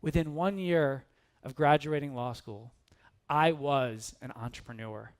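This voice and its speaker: A man giving a storytelling motivational talk on stage before an audience, animated and dramatic, acting out scenes. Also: mid-range voice, measured pace. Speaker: keynote speaker.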